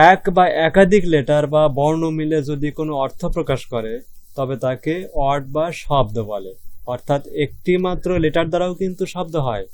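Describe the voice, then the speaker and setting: A man with a Bangladeshi Bengali accent teaching an online English grammar lesson, patiently repeating definitions and slowly breaking words into syllables. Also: fairly high pitch, darkish tone.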